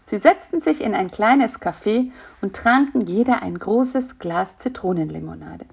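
A woman narrating a children's storybook in an even, gentle reading voice. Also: mid-range voice, a little slow, creaky, slightly rough.

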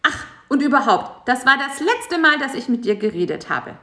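A woman voicing a whiny, restless little male insect in a storybook, nagging and shrill. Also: big pitch swings, normal speed, pushed and bright, exaggerated voice. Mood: furious. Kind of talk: storybook voice acting. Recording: echoey room.

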